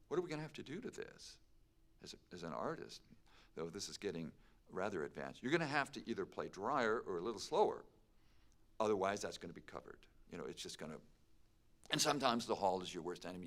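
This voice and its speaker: A man's voice: low voice, creaky. A man teaching a piano masterclass, chatty and full of questions for his students, with piano playing between remarks. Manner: chatty, asks the class questions.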